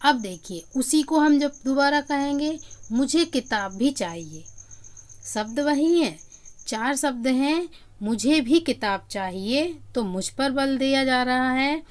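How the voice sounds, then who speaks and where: Higher-pitched woman teaching a grammar lesson. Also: lively intonation, a little slow. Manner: repeats key words and stresses them, addresses the children directly; explanatory, asks questions then answers them. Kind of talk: classroom-style grammar lesson.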